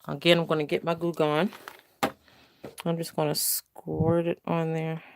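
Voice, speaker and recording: A woman's voice: low-pitched, completely flat delivery, measured pace, gravelly, noisy background. An older woman hosting a casual crafting livestream from home, chatting in a rambling, self-correcting way. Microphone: phone camera.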